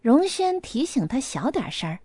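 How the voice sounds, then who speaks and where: A woman narrating an audiobook in a lively storytelling manner. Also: high-pitched, normal speed, slightly rough, dry recording.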